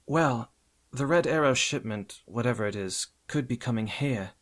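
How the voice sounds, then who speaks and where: A man's voice: medium pitch, pitched above the performer's own voice, natural voice. A man voicing Batgirl, a bold young female crimefighter, in an audiobook reading, eager and teasing. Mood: thoughtful. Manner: quick, excited and teasing. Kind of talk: audiobook character voice.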